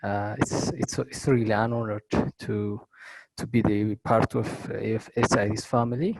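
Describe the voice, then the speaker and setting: A young man from Ethiopia speaks over a microphone full of fuzz and distortion. His talk is halting and formal, with words repeated as he goes. The sound is close and dry. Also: on the low side, little pitch movement, vocal fry, no room sound. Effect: fuzzy, distorted microphone sound. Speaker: prospective student asking a question. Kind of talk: question in an online info session.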